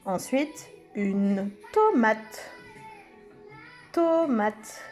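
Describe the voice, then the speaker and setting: A woman teaching preschool children, speaking slowly and stretching out each word and letter sound. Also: medium pitch, warm tone. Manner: slow, sing-song, stretches out words and letter sounds. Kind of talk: slow lesson for young children.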